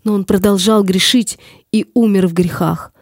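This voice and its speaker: A woman's voice: medium pitch, fairly even intonation, moderate pace, dry recording, clean studio sound, natural voice. Woman reading as solemn Jesus. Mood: grave. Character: Jesus, calm grave male savior speaking. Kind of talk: audiobook reading.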